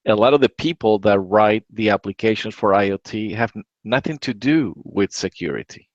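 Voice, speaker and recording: Rambling low-voiced man, dull dry audio. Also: normal speed, no echo. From Latin America. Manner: rambling, repeats words, many "right?" tags. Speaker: podcast host. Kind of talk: casual tech chat.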